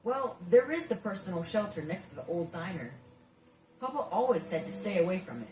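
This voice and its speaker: A woman's voice: on the low side, big pitch swings, brisk. A woman voicing a frightened young boy who pleads for help in a video game, heard as roomy, distant game audio with faint hiss. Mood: relieved. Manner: pleading, panicky.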